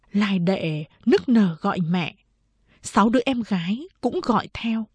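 Woman narrator, audiobook, unhurried and husky, dry close sound. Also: mid-range voice, dry recording. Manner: even, measured storytelling.

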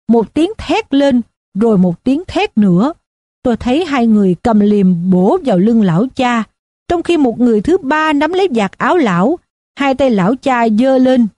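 A woman reading a novel aloud in the first person, in a steady, measured storytelling manner. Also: fairly high pitch, no echo. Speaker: audiobook narrator.

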